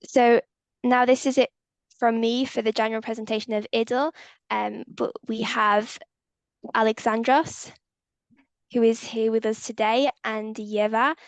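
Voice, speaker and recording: Gravelly-voiced woman hosting a webinar. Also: on the high side, fairly even intonation, measured pace, no room sound. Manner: friendly, filler-heavy, repeats words. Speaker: webinar host. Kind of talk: webinar moderation. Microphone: video call.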